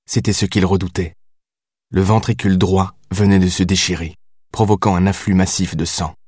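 A man narrating an audiobook in a measured, steady reading. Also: deep voice, breathy edge, no echo, studio quality.

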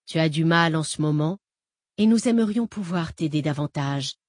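A smooth, condescending impostor father, put on by a woman narrating a novel, speaks low and hushed. He soothes and talks down with unsettling calm. The recording is close and dry. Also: normal speed, no echo. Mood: patronizing. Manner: soft, patronizing, soothing.

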